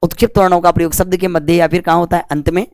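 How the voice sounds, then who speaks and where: A male Hindi grammar teacher leads a lecture, his voice sitting a little high. He keeps asking questions and answering them himself, nudging students with jokes and mild scolding. The sound is close and dry, with no room around it. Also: flat delivery, racing, creaky, a little mellow, smooth, no echo. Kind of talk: classroom lecture.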